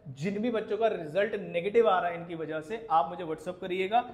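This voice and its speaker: An Indian teacher rants indignantly at his viewers in a video, scolding them emphatically and firing off rhetorical questions. His voice is high and a little mellow, at a normal speed. The room is echoey.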